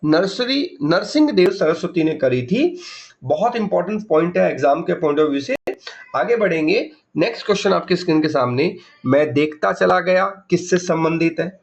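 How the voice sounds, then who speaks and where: A man's voice: on the high side, expressive, normal speed, vocal fry. A man teaching an exam revision lesson, asking questions and answering them himself, repeating key facts, mixing English words into his explanation. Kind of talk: MCQ revision lecture.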